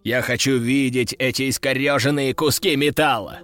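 A man's voice: mid-range voice, steady tone, normal speed, a bit bright, soft background music, natural voice. A man voicing a cruel, vengeful sultan who snarls his orders in an audiobook. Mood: gloating. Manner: snarling, imperious.

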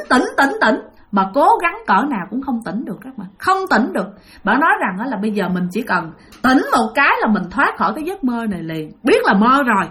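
A woman's voice: on the high side, fairly bright tone. A woman telling a ghost story dramatically, speaking directly to her listeners. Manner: dramatic, addresses listeners directly, many exclamations.

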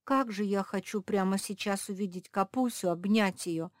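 A woman's voice: mid-range voice, normal speed, no room sound, studio quality, close to an everyday voice. A woman voicing a young pug who is bossy and loving toward her sisters, in an eager, commanding way. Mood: longing.

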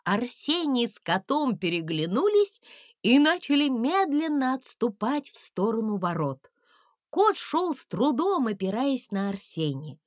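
Unhurried, expressive woman storyteller. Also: fairly high pitch, dry recording, clean studio sound. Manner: expressive, measured. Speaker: audiobook narrator. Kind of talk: scripted storybook narration.

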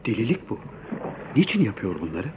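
A man's voice: lowish voice, very animated, fairly quick, noisy background. A man playing a young, impatient son who doubts and questions his father in a radio drama. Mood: skeptical, insistent.

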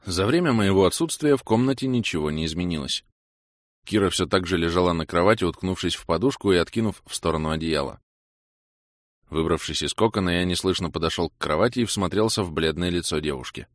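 A man narrating a first-person audiobook in a steady, matter-of-fact way. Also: sits low, fast, no room sound, clean studio sound.

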